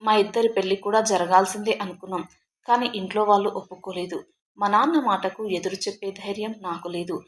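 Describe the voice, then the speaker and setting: A woman voicing an ailing middle-aged wife who speaks quietly in a trembling, tearful voice. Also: mid-range voice, steady tone, brisk, roomy sound, slight background noise, lightly acted.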